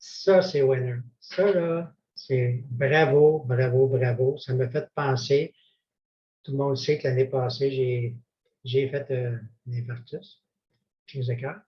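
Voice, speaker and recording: Coach québécois jovial au son étouffé. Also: male voice, mid-range voice, fairly even intonation, slow pace, roomy sound. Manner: jovial, encouraging. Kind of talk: casual chat. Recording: dull lo-fi sound.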